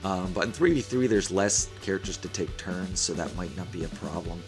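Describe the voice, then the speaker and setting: A man in his thirties with a hoarse, failing voice, giving casual game commentary as host of a gaming video. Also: deep voice, normal speed, music in the background. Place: small room indoors at a desk.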